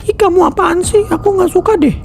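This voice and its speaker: Woman doing a high, pouty cartoon fiancée. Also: vocal fry, darkish tone, slight background noise. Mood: pouting. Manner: whiny, quick to pout. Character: sulky young woman, touchy fiancée. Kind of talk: cartoon voice acting.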